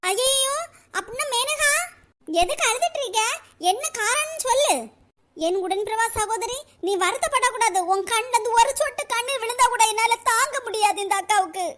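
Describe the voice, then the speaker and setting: A shrill meddling village auntie. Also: normal speed, bright, forceful tone. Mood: mock-concerned. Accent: Kanyakumari Tamil. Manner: nosy, scheming, mock-sympathetic. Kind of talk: cartoon comedy voice acting.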